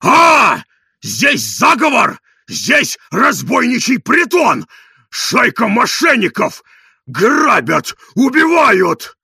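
A man voicing a coarse, bullying middle-aged man in an audiobook, shouting in drawn-out outraged bursts with a raspy voice. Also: high voice, big pitch swings, no echo, studio quality, voice pushed up, full character voice. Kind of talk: audiobook character reading.

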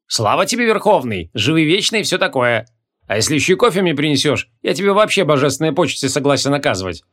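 A jolly, bald archmage who talks in a cheeky, joking way, as a male reader puts him on, a touch higher than a plain speaking voice. His pitch bounces about lively, fit for a comic fantasy audiobook. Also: fast talker.

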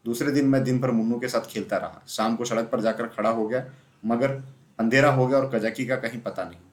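A man's voice: mid-range voice, fairly quick. Man reading a story aloud, roomy echo. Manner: steady storytelling. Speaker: narrator.

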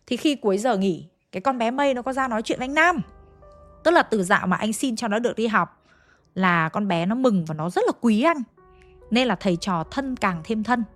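A woman's voice: on the high side, animated, fairly quick, faint music behind. A woman with a Hanoi accent retelling a ghost story in a chatty, dramatic way, speaking straight to her listeners. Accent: Hanoi Vietnamese.

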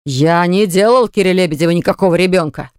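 A reader voicing a callous small-company boss who defends himself in slow, indignant tones. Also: male voice, high voice, clean tone, no room sound, studio quality, lightly acted. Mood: defensive. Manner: slow, indignant, self-justifying.

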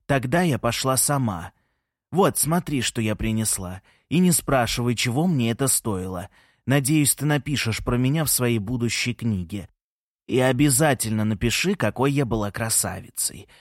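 A man's voice: medium pitch, animated, normal speed, dry recording, clean studio sound, lightly acted. A man voicing a gushing, theatrical old grandma. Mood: doting, teasing. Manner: gushing, teasing, fussy. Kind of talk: audiobook character reading.

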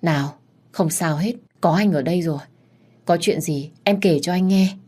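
A caring young man, voiced by a woman narrator, speaks soothing, gentle words in an audiobook story. The voice stays fairly low and calm. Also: moderate pace, slightly rough.

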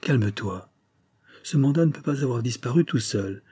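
A man reading aloud and voicing a worried wife who gently soothes her sick husband. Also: mid-range voice, lively intonation, normal speed, slightly rough. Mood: soothing. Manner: soothing, pleading.

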